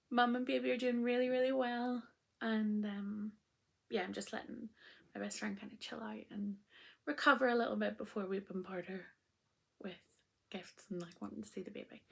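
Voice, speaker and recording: A knitting podcast host chats and rambles through her casual crafting show with frequent ums. Her voice is still croaky after an illness and sits a little high.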